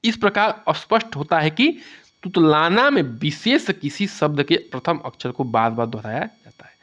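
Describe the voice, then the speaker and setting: A man's voice: on the high side, lively intonation, moderate pace, a bit bright. A man giving an exam-prep lecture and explaining things with a lot of repetition, often asking "theek hai". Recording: dull lo-fi sound.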